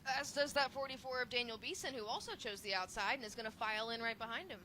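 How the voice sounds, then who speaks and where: A woman's voice: on the high side, fast talker, bright, forceful tone, a little hiss or hum. A woman co-commentating a car race from the announcer booth, chatty and playful, laughing often with her partner. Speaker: guest commentator.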